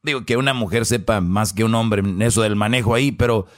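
A man's voice: on the low side, quick pace, no room sound, clean studio sound. A Mexican man chiming in as a radio co-host with laid-back, hesitant asides.

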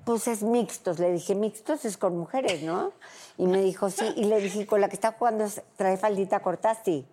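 Señora mexicana mediana edad, habla directo y cuenta anécdotas actuando las voces. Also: female voice, mid-range voice, moderate pace, a little hiss or hum. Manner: brash, animated, acts out dialogue. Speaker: panel guest. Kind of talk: casual panel chat, storytelling.

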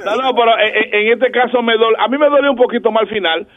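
A man hosting a radio prank segment, talking rapidly and excitably. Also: extremely high pitch, no room sound, narrow, tinny audio. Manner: rapid, excitable, laughing often. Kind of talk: casual radio banter.

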